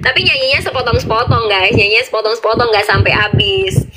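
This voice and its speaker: A young woman, telling a story as a vlogger in a casual, excitable way and repeating herself often. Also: on the high side, quick pace, heavy background noise.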